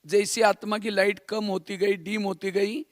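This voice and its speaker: Level in tone and measured in pace, a high-voiced man from India leads a spiritual class. His teaching is didactic, full of repeated phrases and rhetorical questions, and the recording is dry and studio-clean.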